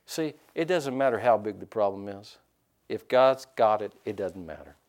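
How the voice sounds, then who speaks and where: A man pastor preaching a sermon in a folksy, animated way, acting out quotes and leaning on "you know". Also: on the low side, moderate pace.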